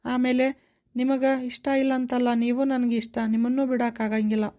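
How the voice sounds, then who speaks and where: A woman's voice: a little high, little pitch movement, moderate pace, warm tone, close to an everyday voice. A woman voicing a devoted, emotional young village woman with a North Karnataka Kannada accent, pleading and insistent. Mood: earnest. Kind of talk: cartoon voice acting.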